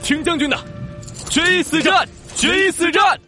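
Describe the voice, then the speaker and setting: Man doing startled excited foot soldiers. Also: very high voice, normal speed, faint music behind, pitched above the performer's own voice, exaggerated voice. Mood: rallying. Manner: startled, eager. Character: anxious excited male common soldiers.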